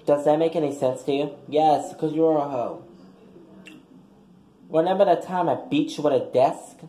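A man's voice: fairly high pitch, normal speed, dark tone, slight background noise, lightly acted. A man voicing a brash, foul-mouthed young woman graduate giving a crude, combative speech in a comic skit. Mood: sassy. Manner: crude, combative, trash-talking. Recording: echoey room.

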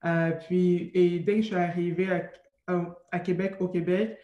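A woman in her thirties from Cameroon, raised in France, speaking as an entrepreneur guest in a video call interview, quick and full of restarts. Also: lowish voice, level tone, muffled recording. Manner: quick, with many restarts and fillers. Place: room with a brick arch at home. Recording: roomy video call audio.

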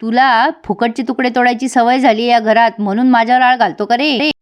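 A woman retelling as a shrill scheming aunt. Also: steady tone, fairly quick, clean tone, natural voice. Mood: taunting. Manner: shrill shouting taunts. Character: loud scheming aunt, shouting insults.

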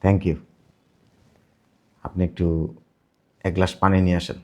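A man playing a calm, dignified company boss. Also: low-pitched, measured pace. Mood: composed. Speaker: actor. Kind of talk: low-budget web drama acting.

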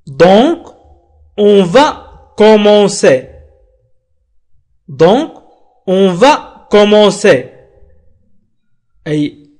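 A man teaching a French lesson, who says French phrases slowly, repeats them, and then explains them. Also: high voice, darkish tone, slightly rough. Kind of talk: language lesson.

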